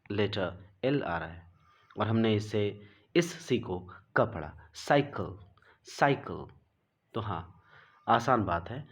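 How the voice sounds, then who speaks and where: A man gives an unhurried pronunciation lesson in a low, husky voice. He spells out each word letter by letter, says it twice, and checks in with "right?" before going on. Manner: spells words letter by letter and repeats them, asks "right?". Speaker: English pronunciation teacher. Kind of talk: classroom lesson, explaining rules slowly.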